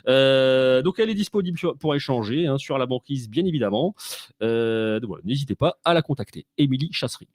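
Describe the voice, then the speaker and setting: A man's voice: mid-range voice, lively intonation, fairly quick, no room sound, studio quality. A man co-hosting a live web radio show, chatting casually with jokes and lots of hesitations. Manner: jokey, hesitant with many fillers. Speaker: co-host.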